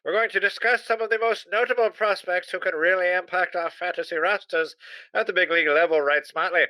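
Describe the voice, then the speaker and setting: A man's voice: sits high, fairly even intonation, fairly quick, bright, forceful tone, no room sound, low-quality recording. A man playing a folksy 1920s radio host on a comedic parody, with a hokey announcer cadence. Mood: jovial.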